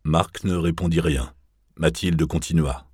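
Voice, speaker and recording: A man narrating a novel in a measured, even audiobook reading. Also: very deep voice, slightly rough, dry recording, studio quality.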